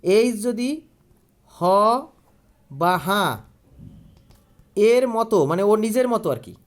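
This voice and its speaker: A man's voice: high voice, slow pace. Male tutor. He drills grammar rules by quizzing himself aloud. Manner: asks questions and answers them himself, repeating key words. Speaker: English grammar teacher. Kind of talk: online grammar lesson.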